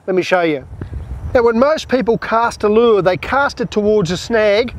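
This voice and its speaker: A man with a noticeably high-pitched voice is teaching fishing technique outdoors. He speaks plainly and with emphasis, laying out each step as an instructor would. The delivery is that of a practical explanation to camera. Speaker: fishing instructor presenting tips.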